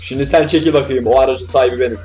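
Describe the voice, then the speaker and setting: A young man from Turkey hosting a reaction video, joking, swearing and tossing quick asides. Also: mid-range voice, fairly even intonation, over music. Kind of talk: casual reaction commentary.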